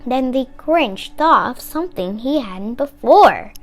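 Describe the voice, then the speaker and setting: A woman reading a rhyming children's story aloud in a dramatic, deliberate storytelling manner. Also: high-pitched, expressive, faint music behind. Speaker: storybook reader.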